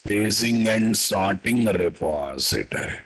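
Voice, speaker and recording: A man with a Telugu-influenced Indian accent and a husky voice, teaching a live coding lesson as an instructor, repeating his statements and quizzing listeners with tag questions. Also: lowish voice, animated, takes it slowly. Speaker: programming instructor.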